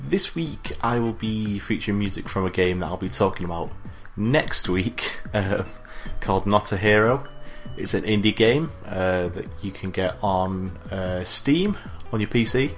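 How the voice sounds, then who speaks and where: A man's voice: lowish voice, moderate pace, soft background music. A man co-hosting a podcast, laid-back and a bit hesitant. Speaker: podcast co-host. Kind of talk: casual podcast chat.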